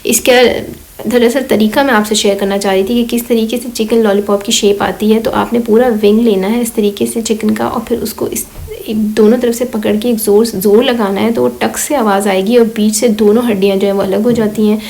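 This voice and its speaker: A woman in her thirties from Pakistan, talking slowly through a casual vlog voice-over while hoarse and weak from illness, with many fillers. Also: on the high side, fairly even intonation, a little mellow, rough recording. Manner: slow, rambling, many fillers. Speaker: vlogger.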